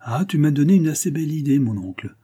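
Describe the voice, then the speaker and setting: Man voicing a young bandit, scheming, mocking, carefree, husky, dark, audiobook character. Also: fairly high pitch, animated, fast talker, voice pushed up.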